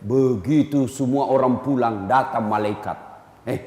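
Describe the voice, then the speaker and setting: A man's voice: on the high side, moderate pace. A man preaching a humorous sermon, telling stories and switching voices. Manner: animated storytelling, jokey, switches voices. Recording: echoey hall with long reverb.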